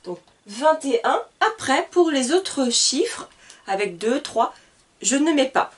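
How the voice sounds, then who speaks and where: A woman gives a beginners' class at the board. Her voice sits high and bright, and she speaks unhurriedly, pausing after nearly every word and over-articulating each sound for her students. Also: very animated. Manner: slow, deliberate, over-articulated teaching. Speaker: French teacher. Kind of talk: slow classroom lesson at a whiteboard.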